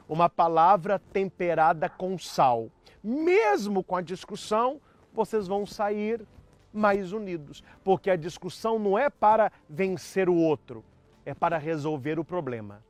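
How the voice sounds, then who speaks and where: A priest delivers an emphatic, teacherly talk on marriage. His voice is high and very lively in pitch. Faint music plays underneath. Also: normal speed, no echo.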